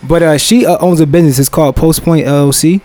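A man's voice: a little high, steady tone, fast talker, mellow. Slangy man hosting a casual podcast. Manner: loose, slangy, laughing banter. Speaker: podcast host. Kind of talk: casual chat.

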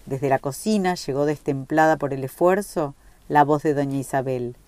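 A woman reading a short story aloud in a measured, reflective way. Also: deep voice, a little mellow. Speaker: reader.

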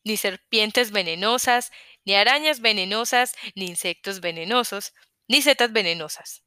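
A woman's voice: mid-range voice, moderate pace, sharp tone, clear, resonant tone, no room sound, studio quality, lightly acted. A woman reading the part of a tall male soldier with glasses who speaks in an unconcerned, matter-of-fact way in an audiobook. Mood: calm.

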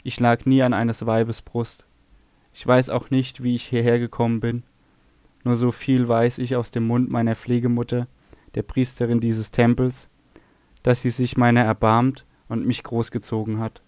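A man's voice: mid-range voice, monotone, normal speed, a little mellow, dry recording, lightly acted. A man voicing a grieving young male temple servant, speaking earnestly and sorrowfully.

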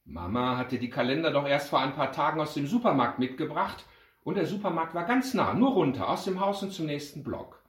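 A man's voice: a little high, animated, brisk. A man expressively reading a children's story aloud, then addressing his friends. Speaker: reader and club speaker. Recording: roomy echo.

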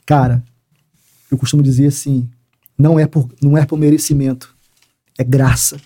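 A man, a police sergeant telling a personal faith story in an interview, acting out dialogue and sinking very low at emotional points. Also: level tone, normal speed, warm tone. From Rio de Janeiro, Brazil. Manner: emphatic storyteller who acts out dialogue and drops very low in emotional moments.

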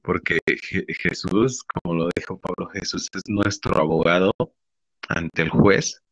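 Young guy with a low voice, heartfelt halting faith testimony, says bro and man a lot, dry close sound. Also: steady tone, fairly bright tone, no room sound, rough recording. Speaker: believer sharing a testimony.

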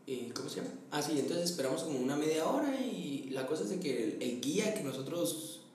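Young Guatemalan man, animated storyteller, distant mic, roomy echo. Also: a little high, a little fast, a little hiss or hum. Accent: Guatemalan Spanish. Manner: animated storyteller, laughs often, acts out family members. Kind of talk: casual chat. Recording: echoey room, voice a bit off-mic, faint ambience.

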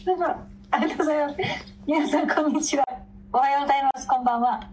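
Quick, high-voiced polite woman. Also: a little mellow, a little hiss or hum, low-quality recording. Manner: polite, apologetic, giggly. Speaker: acupuncturist and co-host. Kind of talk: casual podcast chat.

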